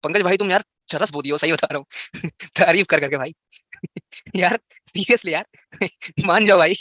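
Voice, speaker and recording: A man's voice: high-pitched, a little slow, bright, forceful tone, no echo, studio quality. A young man teaching physics in a live online class, playful and teasing as he banters with his students.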